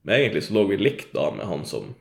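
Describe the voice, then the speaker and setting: A man's voice: deep voice, vocal fry. A young man telling a story in casual chat, swearing freely, laughing a lot and cramming his talk with fillers. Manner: profane, excitable, laughs often, frequent fillers. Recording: roomy echo.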